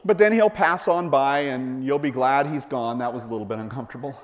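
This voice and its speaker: A man preaching a sermon, lively and playful, acting out the voices of the people in the story. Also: mid-range voice, a little fast. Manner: animated, playful, acts out voices of Bible figures. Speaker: pastor. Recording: long hall reverb.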